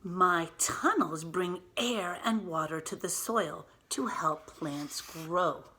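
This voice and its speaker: Reading a picture book aloud to little kids, a teacher uses an expressive delivery, pausing for simple explanations and leaning on certain words. Her voice sits on the low side with a breathy edge.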